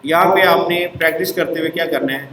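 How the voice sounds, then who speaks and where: A man leads a classroom language lesson, going step by step and asking his students to repeat words back. His voice sits a little high for a man. The room is echoey, with a faint hum of background noise. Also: a little fast, a bit bright. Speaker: Korean language teacher.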